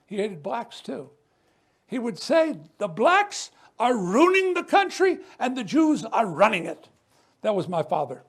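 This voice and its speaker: A man speaking at a news conference in an impassioned testimony style, emphatic, falling to a hush on painful memories and rising on defiant points. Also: sits high. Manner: occasional stumbles and restarts.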